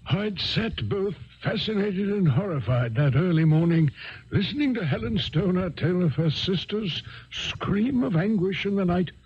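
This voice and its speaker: An actor playing an earnest gentleman doctor who recounts a case in a 1970s radio drama. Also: high-pitched, animated, unhurried. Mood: sombre, fascinated. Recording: dull, noisy archived radio broadcast.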